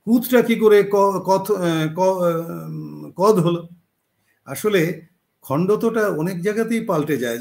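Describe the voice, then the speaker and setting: Guy with a pretty high voice teaching spelling, slow, keeps pausing and correcting himself. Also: creaky, a little mellow. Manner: explains slowly with frequent pauses and self-corrections. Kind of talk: spoken lecture on spelling and word roots.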